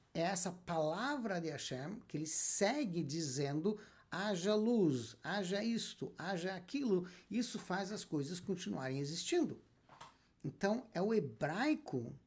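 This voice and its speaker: Male rabbi, husky lively delivery, lectures with rhetorical questions. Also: high voice. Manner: emphatic, asks and answers his own questions. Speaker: rabbi teaching Kabbalah. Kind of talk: spoken lecture.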